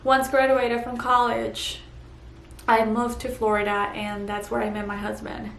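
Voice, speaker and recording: A woman's voice: a little high, flat delivery, creaky, fairly bright tone. Earnest Puerto Rican woman, echoey room. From Puerto Rico. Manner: earnest, halting with fillers and restarts. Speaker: vlogger. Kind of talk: personal testimony vlog. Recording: echoey room, faint background noise.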